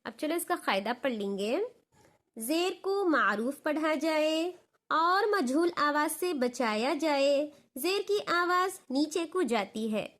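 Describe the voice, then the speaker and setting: A woman with a Dakhni Urdu accent teaching Quran reading, who spells each syllable twice, patiently and deliberately, and then explains in quick asides between drills. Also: high voice, a bit bright. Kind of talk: slow repeat-after-me recitation lesson.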